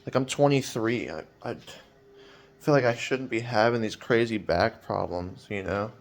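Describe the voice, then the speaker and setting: A man's voice: on the low side, normal speed. A man in his twenties talking in a personal vlog, hesitant and rambling with many fillers, sounding weary and anxious. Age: 20s.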